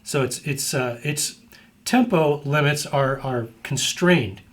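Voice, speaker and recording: A middle-aged man teaches drum rudiments in a calm instructional tone. His voice sits in a middle pitch, neither high nor low. He breaks things down step by step and often checks that the listener is following. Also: slow pace. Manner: explanatory, repeatedly checks in with "right?".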